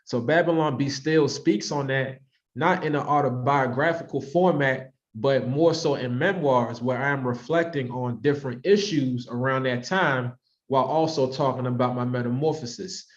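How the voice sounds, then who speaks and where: Here a man in his thirties from Washington, D.C., United States, talks casually and thoughtfully to online viewers while presenting his virtual book club as its author-host. His mid-range voice moves at a moderate pace. Recorded on a video call, the audio is lo-fi and somewhat dull.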